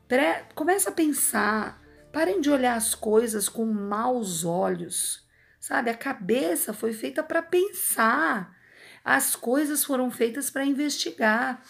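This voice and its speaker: A Brazilian woman with a Brazilian Portuguese accent speaks earnestly from a hospital as an advice vlogger, lecturing her audience with many rhetorical asides in an emphatic personal monologue. Her voice is on the high side and gravelly.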